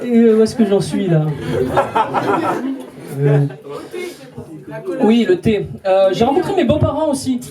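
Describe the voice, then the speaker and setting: A man in his twenties performing a stand-up routine in a comedy club and teasing the audience with quick asides. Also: sits high, big pitch swings, background noise. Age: 20s. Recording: live club recording from a distance with audience laughter.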